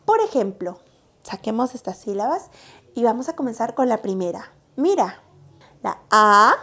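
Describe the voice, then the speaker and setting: A woman teaching young children to read, stretching out sounds slowly and giving cheerful praise. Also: on the high side, darkish tone. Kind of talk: children's phonics lesson.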